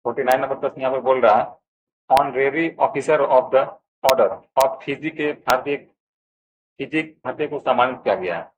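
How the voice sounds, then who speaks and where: Heard through phone-quality sound, a medium-pitched man speaks at a moderate pace with a Bihari Hindi accent. In this answer key lesson he calls his viewers friends and steadily explains each option.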